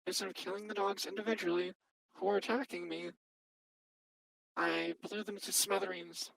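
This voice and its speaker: Voice-changer defendant, gravelly and defensive, mid-pitched, roleplay court testimony. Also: flat delivery, moderate pace, fairly bright tone, poor audio. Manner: defensive, self-justifying. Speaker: defendant in a mock court trial. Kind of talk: testifying in a game-server roleplay trial.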